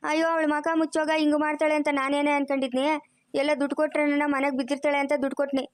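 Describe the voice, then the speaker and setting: Cartoon grandma over 60 voiced by a woman, rural Chikkaballapur Kannada accent, fast and high, scolds, repeats curses. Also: little pitch movement, dry recording, clean studio sound, close to an everyday voice. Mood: lamenting. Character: quarrelsome old grandmother, cursing and self-pitying. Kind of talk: cartoon voice acting.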